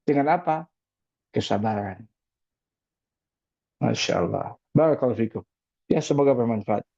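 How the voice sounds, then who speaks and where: A male preacher giving an evening religious talk on married life. He speaks at a middle pitch, stays lively, puts questions to his audience and repeats his main points. The recording is dry and slightly muffled. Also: moderate pace, vocal fry, no room sound.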